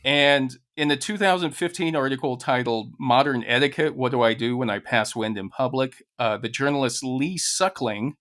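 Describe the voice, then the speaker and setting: A man's voice: mid-range voice, normal speed, few pauses, a bit bright, no echo, studio quality. Chatty male podcast co-host telling stories. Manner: storytelling, laughs often. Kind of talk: casual chat.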